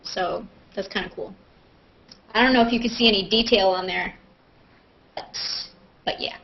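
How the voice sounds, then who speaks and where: A woman hosts a live Q&A video call, chatting casually and playfully with jokes and self-mockery. Her mid-range voice moves at a moderate pace with vocal fry, and the audio is muffled, lo-fi video-call quality.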